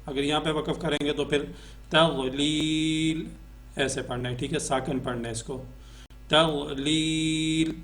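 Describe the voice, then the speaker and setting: During a Quran reading class, a man from Pakistan melodically and slowly chants syllables and letters, then explains at speed, checking in regularly with a short "okay." His medium-pitched voice has fairly even intonation, and faint music plays in the background.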